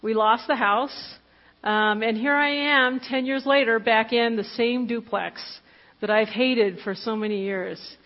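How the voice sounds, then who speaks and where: A woman of fifty giving a candid, conversational sermon about her own life, with fillers and quick self-corrections. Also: a little high, steady tone. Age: 50s. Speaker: preacher. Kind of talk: personal testimony sermon. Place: church hall. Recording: dull lo-fi recording with long hall reverb.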